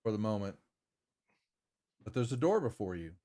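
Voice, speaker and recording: Halting male tabletop game master. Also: lowish voice, big pitch swings, dark tone. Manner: halting, piecemeal delivery. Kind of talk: improvised tabletop game narration with casual chat. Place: online group video call.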